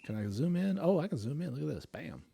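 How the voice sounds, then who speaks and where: A man's voice: fairly high pitch, big pitch swings, fast, creaky, a crowd in the background. Guy running a movie trivia game for his brother, playful and chatty. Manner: playful, quotes lines in put-on voices. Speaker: host. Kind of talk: casual chat, quiz hosting.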